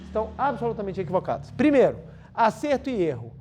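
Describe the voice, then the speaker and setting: A man preaching a spiritual lecture in a lively, conversational way. He tells everyday stories and acts out the dialogue himself, shifting between characters as he talks. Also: sits high, fast talker, soft background music. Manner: lively storytelling, acting out dialogues.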